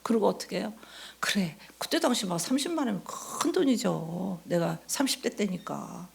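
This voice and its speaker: Woman pastor, middle-aged, deeply gravelly voice, storytelling sermon with whispered asides. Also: normal speed. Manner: animated storytelling, acting out inner thoughts, dropping to whispers.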